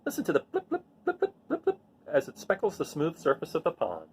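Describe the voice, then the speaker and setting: A read-aloud host for children, this man speaks fast in a highish, slightly rough voice. He performs picture books expressively, playing up sound words, and chats casually in simple, child-directed phrasing with his young listeners between passages.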